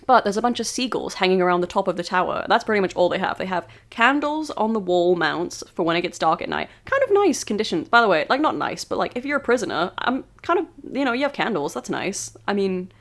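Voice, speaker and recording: A woman's voice: mid-range voice, very animated, fast talker, few pauses, a bit bright. A woman casually retelling an old myth as a birthday podcast, rambling with giggly asides. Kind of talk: casual storytelling monologue.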